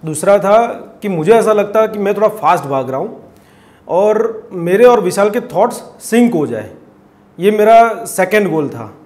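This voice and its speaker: A man's voice: sits high, lively intonation, measured pace, darkish tone. A man giving an earnest testimonial about a seminar, often repeating himself and restarting his sentences. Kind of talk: casual testimonial.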